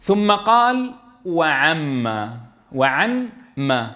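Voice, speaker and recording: A man's voice: on the high side, sing-song, drawn-out words, sharp tone. A man leading a classroom tajweed lesson for Quran teachers, explaining step by step and checking in with his students.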